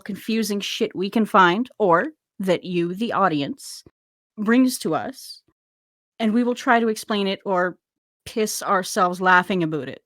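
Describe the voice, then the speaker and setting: A woman's voice: mid-range voice, no room sound, studio quality. A woman co-hosting a podcast in casual chat, joking, laughing often and tripping over her words. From Canada. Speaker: podcast co-host.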